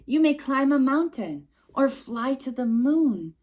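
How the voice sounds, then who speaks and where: With a voice that sits high and moves slowly, a woman hosting storytime reads a rhyming picture book aloud for a young child. She reads with expression and emphasis, pausing for little asides to the listener.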